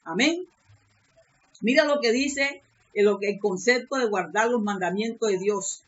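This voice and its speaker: A woman's voice: mid-range voice, a little slow, highs cut off. A woman pastor preaching a sermon with earnest repetition, calling out praise words between points. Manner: earnest preaching, repeats phrases, calls out "aleluya".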